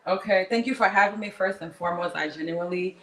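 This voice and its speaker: A woman from Liberia, answering interview questions in a measured way, often pausing with um and like. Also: fairly low pitch, a bit bright. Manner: measured, fills pauses with um and like. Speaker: interview guest. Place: studio. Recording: roomy studio with faint ambience.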